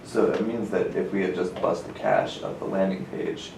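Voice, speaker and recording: A man asks casual technical questions in a heavily creaky voice with lively intonation. He is recorded from afar in a roomy, noisy space. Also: low-pitched, normal speed. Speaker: audience member asking questions. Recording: echoey room, far mic, clear background noise.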